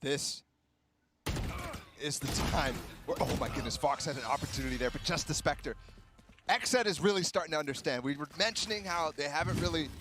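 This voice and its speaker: A man's voice: on the high side, lively intonation, a little fast, music in the background. A man working as an esports caster, giving analytical colour commentary on a match.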